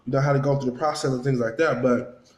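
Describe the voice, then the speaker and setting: A man's voice: mid-range voice, steady tone, fast. A man telling a casual story to viewers while eating, chewing between phrases and acting out what people said in a conversational way. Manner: conversational, acts out reported dialogue, repeats for emphasis. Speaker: vlogger. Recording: roomy, echoing sound.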